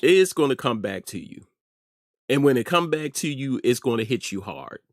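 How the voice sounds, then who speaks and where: Hosting an online news commentary show, a middle-aged American man delivers casual opinions forcefully and repeats phrases for effect. His mid-range voice is animated at a moderate pace. There's no room sound, and the studio recording is clean.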